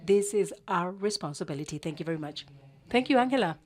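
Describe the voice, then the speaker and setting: A woman interpreting a conference panel live, halting, with cut-off words and restarts. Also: on the low side, expressive, a little mellow. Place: conference auditorium.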